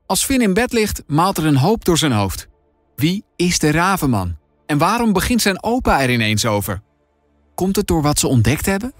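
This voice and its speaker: A man narrating a storybook, lively delivery. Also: on the high side, no echo, clean studio sound. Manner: expressive storytelling. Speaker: audiobook narrator. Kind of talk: scripted narration.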